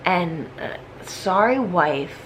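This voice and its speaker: A woman's voice: on the low side, slow, slight background noise. A woman rambling drunkenly through a comic retelling in casual slang, acting out the characters as she goes. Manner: tipsy, rambling drunken delivery; animated, acts out characters in slangy dialogue. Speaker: storyteller.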